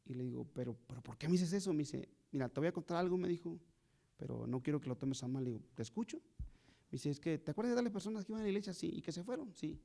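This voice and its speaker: Animated high-voiced man preaching. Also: quick pace, gravelly. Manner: animated storytelling with rising rhetorical questions. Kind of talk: sermon. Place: church.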